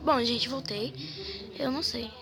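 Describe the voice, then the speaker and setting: A woman with a Brazilian accent, hoarse and stuffy-nosed, thinking aloud as she guesses through a quiz game, with mild swearing. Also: a little high, fairly even intonation, measured pace. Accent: Brazilian Portuguese. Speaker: gaming channel host. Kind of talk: casual gameplay commentary.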